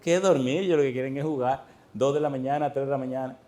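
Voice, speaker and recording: A middle-aged pastor preaching to his congregation, his voice at an ordinary male pitch. He tells stories with real animation, bursting into loud exclamations and then dropping to soft, tender asides. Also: fast. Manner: lively storyteller, swings between loud exclamations and hushed tender asides. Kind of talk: storytelling sermon. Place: church before a congregation.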